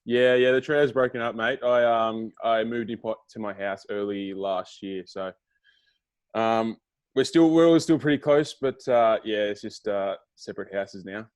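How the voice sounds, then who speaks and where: A man's voice: fairly low pitch, normal speed, smooth, dry recording. A young Australian man, a footballer guest, chatting in a laid-back way and laughing easily. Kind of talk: casual podcast chat.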